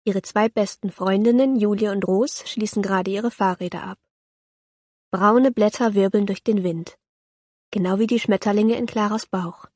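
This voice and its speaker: A woman, reading a children's audiobook aloud in a calm, clear storytelling voice. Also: medium pitch, normal speed, dry recording, studio quality. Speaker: narrator.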